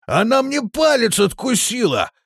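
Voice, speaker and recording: A male audiobook reader voicing a burly, cowardly thug who yells, pleads and sobs in a strained, raised voice. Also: a little high, very animated, normal speed, no room sound, studio quality, pitched above the performer's own voice. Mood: wailing. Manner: yelling, pleading, sobbing. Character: panicky burly male thug, shrill and whining. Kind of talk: audiobook character voice.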